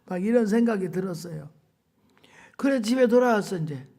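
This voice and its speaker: A woman's voice: mid-range voice, animated, a little fast, mellow. An older woman preacher giving an emotional sermon testimony in a dramatic, colloquial, emphatic way. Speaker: revival preacher.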